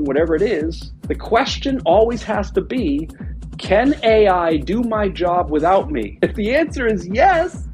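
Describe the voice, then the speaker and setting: A video host giving casual commentary, lively and storytelling, with wry asides. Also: medium pitch, slightly rough.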